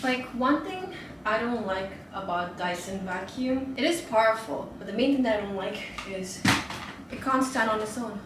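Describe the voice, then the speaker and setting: A woman, thinking aloud in a relaxed, chatty way as she vlogs from her apartment. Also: a little high, moderate pace, very noisy. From Nepal. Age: 30s. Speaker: vlogger. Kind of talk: casual vlog narration. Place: apartment, indoors. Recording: roomy apartment echo.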